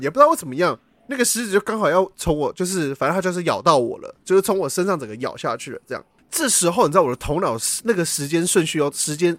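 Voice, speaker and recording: A man's voice: sits high, a bit bright, dry recording. A man, hosting a casual podcast and animatedly telling a dream story, acting out sounds as he goes. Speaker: podcast host.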